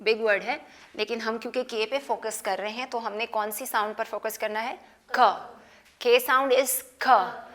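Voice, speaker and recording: A woman teaching a phonics lesson to children, sounding out letters slowly, asking questions and mixing Hindi-Urdu with English words. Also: fairly high pitch, steady tone, a bit bright. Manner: slow, drawn-out sounding of letters with questions to pupils. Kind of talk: slow classroom phonics lesson. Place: studio.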